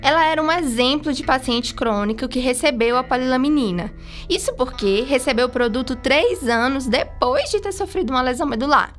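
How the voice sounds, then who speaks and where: Brazilian woman narrating, higher-pitched voice. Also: fairly quick, soft background music. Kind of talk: scripted podcast narration with casual asides.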